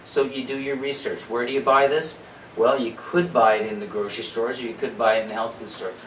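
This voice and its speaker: A man's voice: medium pitch, steady tone, brisk. A man presenting an informal health seminar in a conversational, opinionated way, with rhetorical questions and quoted asides. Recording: echoey room, distant mic, background noise.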